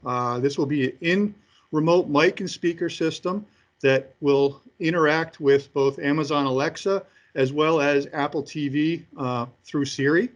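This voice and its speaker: A man with a somewhat high voice answers interview questions as a company executive presenting products, with frequent hesitant pauses between phrases. The recording's upper frequencies are cut off.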